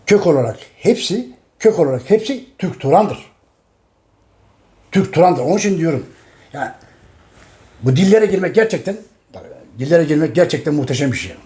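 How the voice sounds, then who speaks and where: Emphatic middle-aged man, warm voice. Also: fairly high pitch. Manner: repetitive, emphatic, repeats each phrase; addresses his audience directly. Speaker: host. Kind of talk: casual talk.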